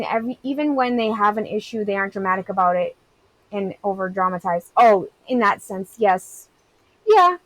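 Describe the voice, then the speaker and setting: A woman's voice: mid-range voice, a bit bright, no echo, rough recording. Chatty woman streamer in her thirties. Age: 30s. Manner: candid, rambling, heavy use of "like". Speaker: game streamer. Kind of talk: casual chat, reading and answering live chat.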